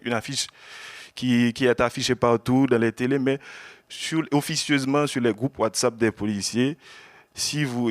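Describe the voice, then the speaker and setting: An exiled Haitian journalist gives an earnest personal testimony to an audience at an event, often halting and repeating words. His mid-range voice comes through with no echo.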